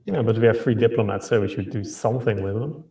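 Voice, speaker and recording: A man's voice: fairly low pitch, fast talker, gravelly, mellow. A man chatting casually and advising a friend on strategy during a game, recorded in a roomy space away from the mic. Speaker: fellow player advising on strategy. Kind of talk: casual gaming chat. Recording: roomy, distant mic, music behind.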